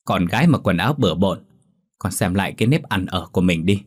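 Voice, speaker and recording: A man voicing a gentle, nagging middle-aged mother who pleads with her daughter, in a spoken horror story. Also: sits low, lively intonation, fast talker, breathy edge.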